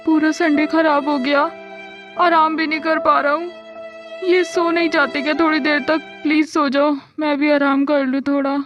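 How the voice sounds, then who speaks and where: A woman's voice: high-pitched, little pitch movement, normal speed, muffled recording, lightly acted. A woman voicing a tired young father who grumbles and pleads to be left to rest, in a fan audio drama. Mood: exasperated. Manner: whiny complaining, pleading. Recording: background music under the voice. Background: loud background music.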